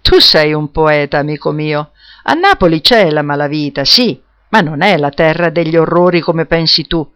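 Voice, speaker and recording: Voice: medium pitch, animated, moderate pace, a bit bright, clear, resonant tone, close to an everyday voice. A reader doing a jovial young guy. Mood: friendly. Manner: laughing, teasing, emphatic. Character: jovial young Neapolitan man, teasing and generous.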